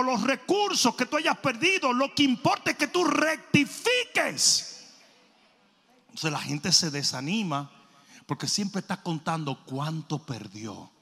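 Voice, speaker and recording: A man preaching a sermon, telling stories animatedly, shouting for emphasis and repeating phrases. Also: very high-pitched, slightly rough. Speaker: pastor. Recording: long reverb of a large hall.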